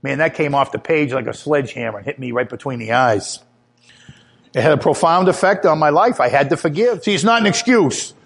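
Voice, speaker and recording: A man giving a sermon, earnest and personal, telling his own testimony and growing louder and higher when he stresses a point. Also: a little fast, gravelly, breathy edge. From Italian heritage. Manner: earnest testimony, rises in pitch when emphatic. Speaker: preacher.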